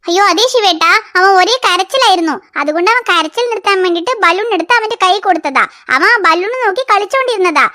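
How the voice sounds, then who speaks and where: A fast-talking, high-pitched cartoon mother, voiced by a woman who scolds her children firmly. Her bright voice rattles off warnings and reasons. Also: lively intonation, heavily acted. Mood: scolding. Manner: scolding, threatening tone. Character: busy young mother, firm and scolding. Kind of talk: cartoon voice acting.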